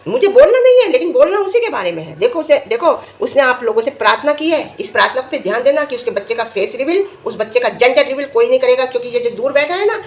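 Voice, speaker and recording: A middle-aged woman giving casual vlog commentary, emphatic and scolding, her voice jumping high when she gets indignant. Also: animated, quick pace, few pauses. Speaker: vlogger reviewing family vlogs. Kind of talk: casual talking-head commentary.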